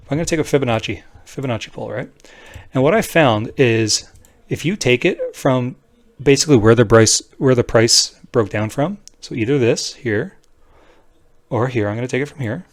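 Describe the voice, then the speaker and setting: A man with a mid-pitched voice talks through a tutorial off the cuff. He is informal and blunt, checking in often with a short "right?" The sound is dry, with no room around it. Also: animated, fairly quick, no room sound. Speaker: trading tutorial presenter. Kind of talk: casual screen-share tutorial, unscripted explanation.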